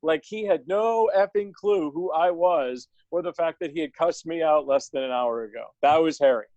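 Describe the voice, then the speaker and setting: A man's voice: on the high side, moderate pace, a little mellow, no echo, muffled recording. A man telling a casual anecdote, with many fillers as he goes. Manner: chatty, filler-heavy storytelling. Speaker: guest.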